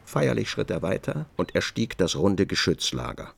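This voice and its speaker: Measured male radio drama narrator. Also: low-pitched, very animated, vocal fry, breathy edge, no room sound. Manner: measured, descriptive reading. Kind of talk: scripted literary narration.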